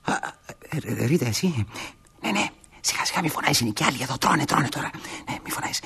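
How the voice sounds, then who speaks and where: Husky, flustered young dreamer, lively pitch swings. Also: male voice, exaggerated voice. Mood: frantic. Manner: dreamy and grand, then frantic and pleading on the phone.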